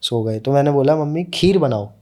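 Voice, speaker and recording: A man's voice: medium pitch, expressive, dark tone. A young man, a podcast guest, earnestly telling a personal story in casual conversation. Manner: earnest, emotional retelling, slows down at key moments.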